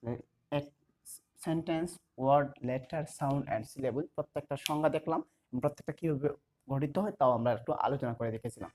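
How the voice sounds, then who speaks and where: A man teaching a class, repeating key terms slowly as he writes them out. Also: medium pitch, darkish tone, a little hiss or hum. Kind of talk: explanatory class lesson.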